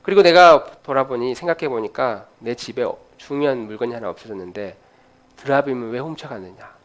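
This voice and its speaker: A man's voice: medium pitch, brisk, natural voice. A man preaching a sermon voices an older man who reproachfully finds fault and makes accusations. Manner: reproachful, nitpicking. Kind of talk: sermon storytelling.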